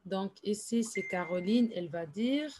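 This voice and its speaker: A woman teaching in a slow, patient classroom explanation, repeating each phrase and adding English asides. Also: medium pitch, expressive, darkish tone, a little hiss or hum. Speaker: French teacher.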